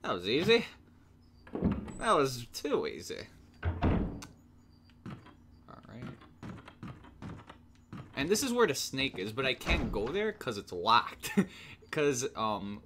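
Male gamer commentating, joking, laughing a lot, lively up-and-down pitch, noisy recording. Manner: jokey, laughs often, swears casually. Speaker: let's play gamer. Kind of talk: casual gameplay commentary.

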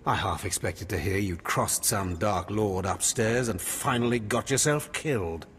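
A man's voice: on the low side, a little slow, a little hiss or hum, close to an everyday voice. A man voicing a scornful Sith overseer. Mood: cold orders. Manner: cold, scornful, commanding. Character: harsh male Sith overseer, contemptuous bully. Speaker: academy overseer.

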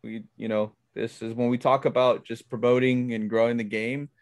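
Excitable young man, dry sound. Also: mid-range voice, moderate pace, no room sound. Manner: excitable, exclaims and restarts often. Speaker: podcast co-host. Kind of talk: casual sports chat.

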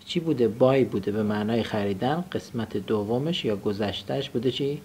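A man's voice: fairly low pitch, darkish tone, a little hiss or hum. A young adult man teaching a classroom vocabulary lesson, explaining grammar and having students repeat phrases after him. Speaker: English teacher.

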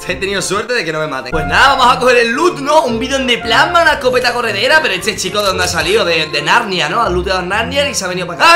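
Young Spanish gaming creator, high and rapid, eager commentary with sudden shouts. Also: male voice. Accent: Spain Spanish. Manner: excitable, talks to viewers, bursts into shouts. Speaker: gaming youtuber. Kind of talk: live gameplay commentary.

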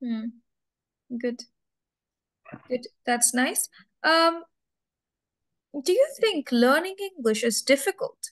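Running a mock speaking test, a young woman who teaches English asks slow, repetitive questions, coaxing patiently and saying key words again and again. She speaks slowly with long pauses, in a high-pitched voice with lively intonation.

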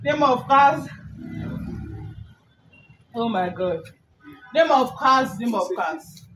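An excitable young adult with a Nigerian accent leads a rowdy party word game, chanting repeated prompts and sometimes shouting. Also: medium pitch, slow pace, soft background music. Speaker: game leader calling out category prompts. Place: outdoor yard against a painted wall. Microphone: far camera. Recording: noisy, echoey, distant camera sound.

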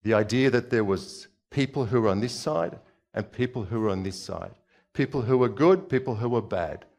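Moving about the church stage with a headset mic, a man in his forties born in Czechoslovakia delivers a conversational sermon and asks the audience questions. His lowish voice has a darkish tone and a moderate pace.

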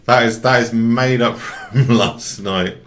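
A man commentating live on his own game, excitable and swearing, talking to his viewers. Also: medium pitch, takes it slowly. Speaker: gambling streamer.

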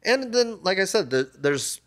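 In a casual interview recorded on a stand-mounted desk mic in a shop, a man in his thirties from the United States, a guest tattoo artist, talks loosely and meanders, leaning heavily on "like" and "you know." His voice sits high and his pace is measured.

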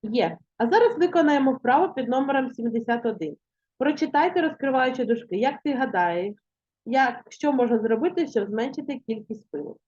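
A woman teacher giving a language lesson, reading words slowly and stressing syllables one by one. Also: high-pitched, lively intonation, darkish tone. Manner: slow, deliberate dictation, stressing syllables. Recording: muffled lo-fi recording.

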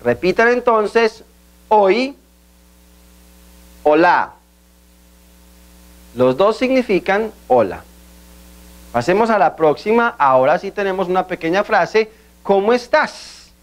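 Guy teaching a language lesson, pretty high voice, slow drills, faint hum behind. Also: sing-song. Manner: slow, deliberate pronunciation drills with frequent "¿cierto?" check-ins.

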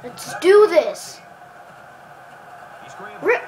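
High, animated woman gaming. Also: drawn-out words, low-quality recording. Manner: excitable, cheers and groans at the game, chats to viewers. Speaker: gamer playing a football video game. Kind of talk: live gameplay commentary.

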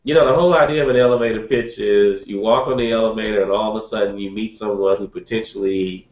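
Deep-ish guy explaining job stuff casually, echoey lo-fi room. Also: fairly even intonation, quick pace. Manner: conversational, explains with quotes and examples. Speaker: career advisor. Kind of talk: advice interview. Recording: roomy, dull lo-fi sound.

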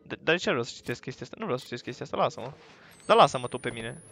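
A man giving loud, profane let's play commentary on a horror game, talking to his viewers and yelping at scares. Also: medium pitch, lively intonation, creaky. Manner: jumpy, profane, loud outbursts; talks to viewers while playing. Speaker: gaming YouTuber.

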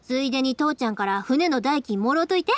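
An actress voices a cheerful, warm-hearted young woman with a Kansai accent in an anime game, friendly, breezy, and folksy. Her delivery is high-pitched, brisk, and lively in intonation, and the recording is dry.

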